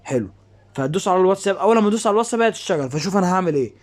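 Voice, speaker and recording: Male Egyptian tutorial presenter, fast talker, slightly high voice, informal walk-through delivery. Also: animated. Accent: Egyptian Arabic. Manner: informal, step-by-step explaining. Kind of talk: casual spoken screen-recording tutorial.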